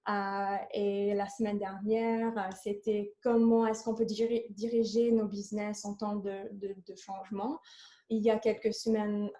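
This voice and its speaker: On a video call for an online panel, a woman who leads programs at a coworking organization presents it in French, which is not her native language. Her mid-range voice is mellow, flat and unhurried, and she hesitates, using many fillers and slipping into English.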